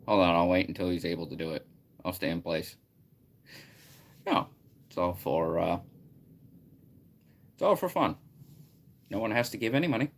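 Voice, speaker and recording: A man chatting casually on a live stream, rambling and excitable, greeting viewers loudly. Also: low-pitched, normal speed, long pauses.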